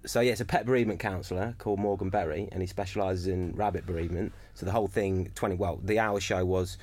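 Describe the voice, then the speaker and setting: A man's voice: low-pitched, steady tone, fast talker, a little mellow. A man, a stand-up comedian, chatting casually on a podcast, swearing and laughing often. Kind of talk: casual banter.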